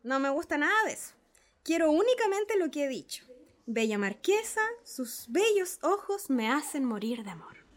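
A woman playing a naive middle-aged gentleman who gushes with wonder as he repeats his lessons, in a dramatic reading. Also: sits high, big pitch swings, moderate pace. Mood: insistent. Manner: gushing, repeats sounds with wonder. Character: naive middle-aged male social climber, eager. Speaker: reader playing a pupil.

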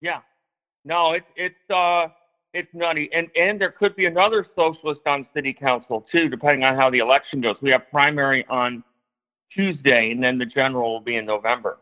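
Calling in on a broken-up phone line, this man talks a little fast in a mid-range, steady voice. It's a casual call-in chat, full of rambling, hedging, and the odd curse.

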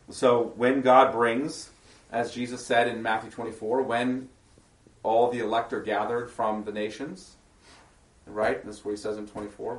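A man teaching an informal Bible study to a small group, reading scripture aloud and explaining it in casual asides and questions to the group. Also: fairly low pitch. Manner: asks the group check-in questions. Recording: echoey room, voice far from the mic.

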